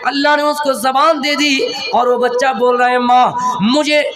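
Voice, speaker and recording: A male preacher giving an emotional, drawn-out sermon that tells a story. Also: very high-pitched, little pitch movement. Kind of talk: Islamic sermon. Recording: crowd audible behind.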